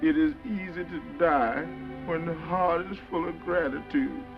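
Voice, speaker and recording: A man's voice: fairly high pitch, measured pace, gravelly. An actor playing a theatrical newsman solemnly reading aloud in 1930s film style. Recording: dull old film track under loud music.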